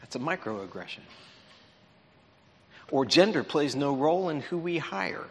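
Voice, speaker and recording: This sermon lesson comes from a man with a slightly high, sing-song voice who speaks a little slowly. He explains things conversationally and checks in with listeners, his words echoing with long reverb through a large auditorium.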